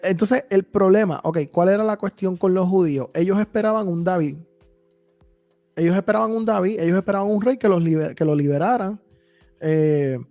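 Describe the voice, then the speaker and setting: High gravelly-voiced man hosting a podcast. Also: mellow, dry recording. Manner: reads scripture aloud, explains with rhetorical questions. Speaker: podcast host. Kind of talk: casual Bible discussion.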